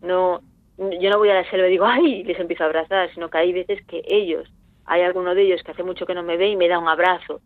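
A woman's voice: on the low side, flat delivery, fast, dry recording. Woman on a tinny phone line. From Spain. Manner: reflective, searching for words. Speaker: veterinarian at a chimpanzee sanctuary. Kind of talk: interview answers.

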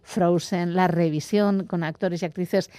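A woman radio presenter, reading a measured, informative scripted segment. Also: fairly low pitch, steady tone, warm tone, dry recording. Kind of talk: scripted narration.

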